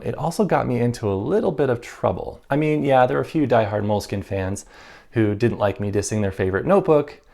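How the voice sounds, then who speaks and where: A man's voice: mid-range voice, creaky, a little mellow. A man vlogging casually about stationery with a wry, self-mocking manner. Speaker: stationery YouTuber. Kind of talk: casual vlog talk.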